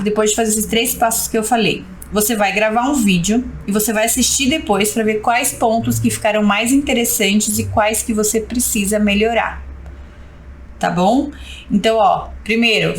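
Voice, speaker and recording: A woman's voice: medium pitch, rough recording. A Brazilian woman teaching a live-streamed class, checking in with "tá?" and drilling her points by repetition. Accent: Brazilian Portuguese. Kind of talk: live-stream lesson, reading viewer comments.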